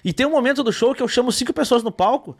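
A man with a high, bright-sounding voice tells funny stories in a relaxed interview. He talks in animated bursts, full of energy. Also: racing. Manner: animated storytelling, lively. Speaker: comedian guest. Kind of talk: casual interview chat.

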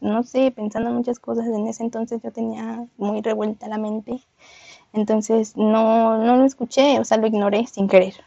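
A young woman chatting on a podcast, telling a story and laughing between lines as she plays out little voices. Her voice sits a touch high but sounds dark and gravelly, with a husky edge. The recording is dry and a little muffled. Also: no echo. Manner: laughs often, acts out voices in her anecdotes. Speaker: podcast co-host. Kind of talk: casual storytelling chat.

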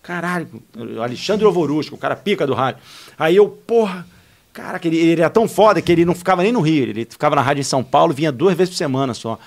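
A man, telling animated, slangy stories as a podcast guest. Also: fairly high pitch, quick pace. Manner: animated, slangy, laughing through anecdotes. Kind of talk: casual storytelling.

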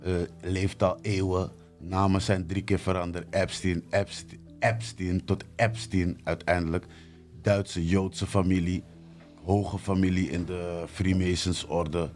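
A man's voice: deep voice, little pitch movement, slow pace, darkish tone, faint music behind. A man talking as a podcast guest in casual chat, insistent, often cutting in with repeated calls to listen. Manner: insistent, talks over the host.

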